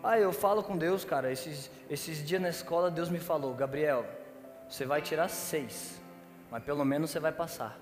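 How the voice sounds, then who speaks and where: A man's voice: fairly high pitch, normal speed, lightly acted. Male preacher voicing a grumpy teen, slangy mumble, faint music behind. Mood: whiny. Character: grumpy teenage boy friend, whiny and laid-back. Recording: echoey church hall, faint music.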